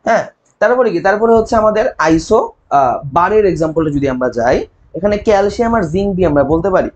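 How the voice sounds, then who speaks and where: Young male tutor, high voice, Bangladeshi Bengali accent, quiz-style exam-prep delivery, constant check-ins. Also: animated, fast talker, lo-fi sound. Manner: quizzing with rhetorical questions and mnemonics; frequent "ঠিক আছে?" check-ins. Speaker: chemistry tutor. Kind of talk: online exam-prep lecture.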